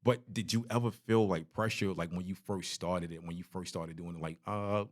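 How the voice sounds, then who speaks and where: A man in his forties hosts a relaxed podcast interview, his talk slangy and easygoing. The voice is low and the tone steady, at a normal speed.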